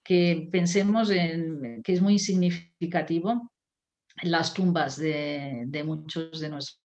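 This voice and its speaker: A woman's voice: deep voice, takes it slowly, darkish tone. Woman, writer and critic, reflective, hesitant, many fillers, slightly muffled audio. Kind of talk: conversational interview.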